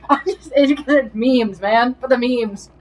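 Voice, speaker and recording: A woman's voice: high-pitched, measured pace, rough recording. A woman playing in a tabletop game, teasing the others and arguing over rules and names. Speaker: player. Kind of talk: casual chat during a tabletop game.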